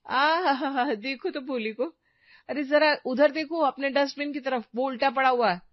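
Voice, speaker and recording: A woman voicing a young gossipy daughter-in-law in a cartoon story, shrill and accusing. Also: normal speed, no room sound, lo-fi sound, natural voice. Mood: indignant.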